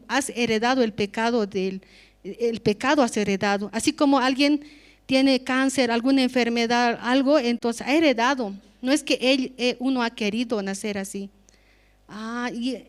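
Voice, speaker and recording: A woman giving a personal testimony in church, talking conversationally and often asking rhetorical questions. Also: a little high.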